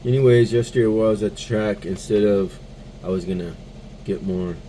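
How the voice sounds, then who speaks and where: Deep-voiced man rambling through a build. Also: brisk, a little hiss or hum. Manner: rambling, relaxed, searches for words. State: just woke up. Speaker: RC hobby vlogger. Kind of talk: casual build walkthrough.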